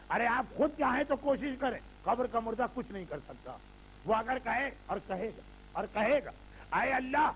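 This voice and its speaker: A man's voice: extremely high pitch, slight background noise, low-quality recording. An older man, a cleric, delivering a sermon in a repetitive, rhetorical style that mixes in English words. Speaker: Shia cleric preaching.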